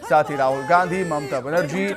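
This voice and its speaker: Over a news music bed, a man anchors a television newscast in a slightly high voice at moderate speed. He stresses his words and circles back to repeat the headlines.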